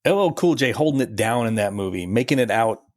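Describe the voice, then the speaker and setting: A man in his fifties co-hosting a movie podcast, making wisecracks and deadpan jokes in casual chat. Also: medium pitch, a little fast. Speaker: podcast co-host.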